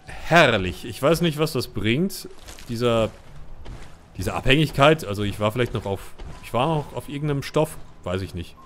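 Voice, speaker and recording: A man's voice: medium pitch, lively intonation, moderate pace, a bit bright, slight background noise. A man from Germany giving casual gameplay commentary as a let's play host, chatting to himself and his game companion.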